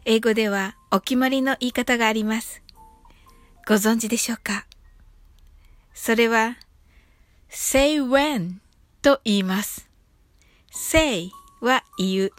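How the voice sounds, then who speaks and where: A woman with a fairly high voice gives a friendly English conversation lesson, polite and lively, popping into playful acted quotes. Her voice is close and dry, with faint music underneath. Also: dry recording.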